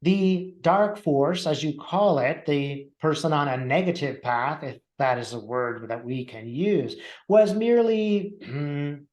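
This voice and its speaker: A man speaking as a seance medium, channeling a calm, wise collective of spirit teachers in formal, measured phrases with deliberate pauses. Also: a little high. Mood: solemn teaching. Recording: echoey room.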